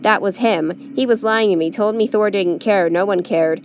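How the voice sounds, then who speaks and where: A scheming young trickster prince explains his plans earnestly, his speech slightly formal, as a woman reads him aloud from a storybook. Her pitch sits in a middle range for a woman. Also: moderate pace, slight background noise, close to an everyday voice. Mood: explaining.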